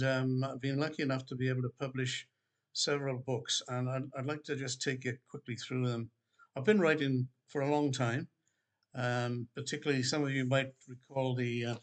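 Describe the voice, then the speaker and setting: An older man speaks in a relaxed, meandering way. He fills his talk with ums and restarts, like an author talking about his own work. His voice sits at an ordinary middle pitch. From Wales. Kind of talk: casual spoken book promotion. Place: Queensland, Australia.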